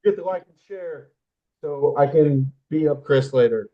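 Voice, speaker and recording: Male podcast host and coach, slightly high voice, loose and rambling. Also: measured pace, dull audio. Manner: rambling, trailing off, laughing at himself. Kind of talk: casual podcast chat.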